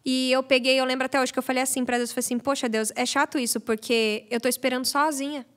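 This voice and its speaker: A young woman, a podcast guest, telling a personal faith testimony in an animated, storytelling way. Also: sits high, fast. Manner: animated storyteller, acts out quoted prayers. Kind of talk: casual testimony chat.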